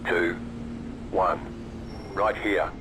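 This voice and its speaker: A man's voice: low voice, drawn-out words, a bit bright, a little hiss or hum, full character voice. An actor voicing a male racing spotter in a game, making clipped, matter-of-fact calls. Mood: terse.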